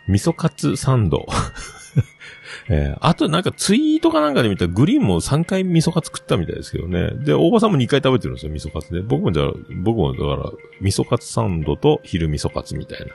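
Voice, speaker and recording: A man's voice: deep voice, creaky, a little mellow, slight background noise. A man in his forties, a podcast host rambling through a funny travel anecdote with lots of fillers. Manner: rambling, self-amused anecdote with many fillers. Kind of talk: casual storytelling monologue.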